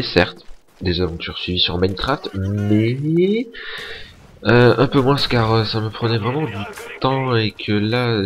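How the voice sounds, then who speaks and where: Low-voiced young man rambling over gameplay. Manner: casual, rambling, swears often. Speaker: gaming YouTuber. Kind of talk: gameplay commentary.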